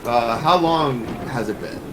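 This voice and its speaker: A man's voice: medium pitch, expressive, unhurried. Rambling man at a noisy table game. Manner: rambling, hesitant. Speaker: player. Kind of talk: casual chat.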